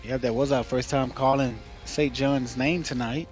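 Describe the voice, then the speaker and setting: A man's voice: mid-range voice, fairly even intonation, moderate pace, faint music behind. A man doing play-by-play sports commentary through a mic that makes his voice sound robotic and metallic. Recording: robotic mic with faint background noise.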